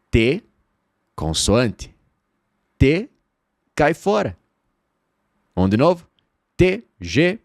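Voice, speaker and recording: A Brazilian man whose first language is Portuguese teaches an English lesson, drilling each phrase slowly and repeating it. His pitch swings widely and his delivery is unhurried, with a dry, close sound. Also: darkish tone, no echo.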